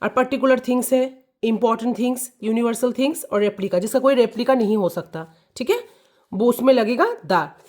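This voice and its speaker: A woman's voice: fairly high pitch, expressive, brisk, a little mellow. A woman teaching an English lesson to children, often repeating key words and checking that they understand.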